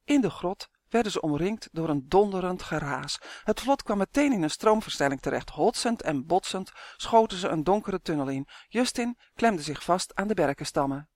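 An audiobook narrator reading a children's fantasy story in a steady, clear way that livens up in tense moments. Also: mid-range voice, moderate pace, hardly any pauses, dry recording.

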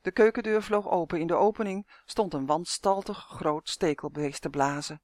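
A woman narrating a children's fantasy story aloud in an even, clear manner. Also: lowish voice, moderate pace, no echo, clean studio sound.

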